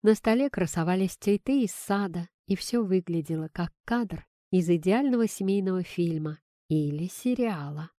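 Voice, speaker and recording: A woman reading a family story aloud as narrator, in an even, gentle storytelling manner. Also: lowish voice, normal speed, no room sound, clean studio sound.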